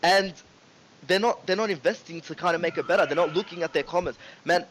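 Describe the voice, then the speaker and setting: A man co-hosting a casual podcast, talking in an animated way, swearing and often asking "right?" and "you know what I mean?". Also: high-pitched, quick pace, a little hiss or hum, rough recording. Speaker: podcast co-host. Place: home room with ring light.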